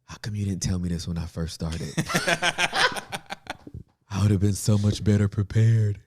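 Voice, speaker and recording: A man's voice: deep voice, fairly even intonation, moderate pace, dark tone. A male pastor telling stories in a casual, emphatic podcast conversation. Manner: storytelling, emphatic, laughs often.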